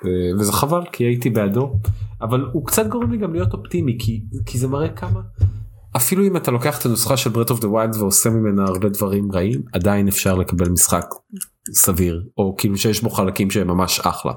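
A man with an Israeli accent and a husky voice, chatting casually about games as a podcast co-host. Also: on the low side, animated, darkish tone. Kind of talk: casual gaming chat.

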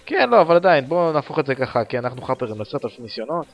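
A man's voice: medium pitch, sing-song, faint music behind. Man, podcast co-host, joking banter, casual chat, mid-range voice.

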